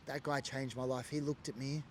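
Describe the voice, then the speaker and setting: A former biker from Sydney tells his personal story in a monologue that is earnest, emotional and heavy with fillers. His mid-range voice has a darkish tone and a level delivery at a moderate pace, with slight background noise.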